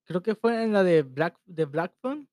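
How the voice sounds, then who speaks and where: A young man with a Mexican Spanish accent co-hosting a casual podcast, laid-back and slangy, quick to swear. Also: sits high, lively intonation, darkish tone, no echo, clean studio sound. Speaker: podcast co-host. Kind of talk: casual chat.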